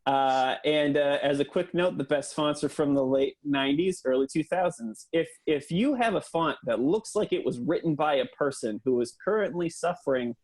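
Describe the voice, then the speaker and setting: A man doing an earnest, deadpan mock lecture for a comedy podcast, with lots of hesitant fillers. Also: a little high, moderate pace, hardly any pauses.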